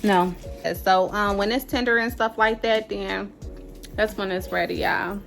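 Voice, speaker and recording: A woman's voice: medium pitch, steady tone, measured pace, vocal fry, a bit bright. A woman chatting casually as she cooks in her home kitchen, often adding "right?" and "y'all". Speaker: home cooking vlogger. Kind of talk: casual cook-along chat. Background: background music.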